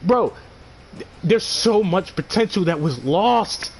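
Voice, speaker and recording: Excitable high-voiced young man ranting. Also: slow, slightly rough. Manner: excited, animated, swears a lot, slangy. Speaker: gaming commentator. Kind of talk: casual gameplay commentary.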